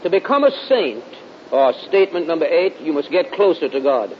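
High-voiced Southern preacher man telling folksy stories. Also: very animated, normal speed. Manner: folksy, drawling, repeats phrases for emphasis. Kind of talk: storytelling sermon. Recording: dull lo-fi recording with clear rumbling hiss.

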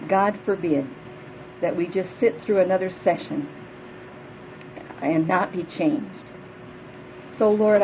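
A woman in her fifties gives a plainspoken sermon at a women's church retreat, speaking before a live audience in a hall. Her big voice is on the low side, earnest and prayerful, captured in a dull live recording with slight background noise.

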